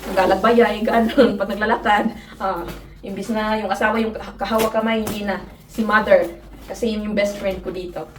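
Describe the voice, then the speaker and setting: A woman's voice: medium pitch, fairly even intonation, moderate pace, recorded from a distance, crowd noise. A woman from the Philippines chatting casually at home in a vlog. She giggles often and keeps saying "mga my guys.". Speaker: vlogger. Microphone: phone camera. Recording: roomy echo, off-mic, noisy.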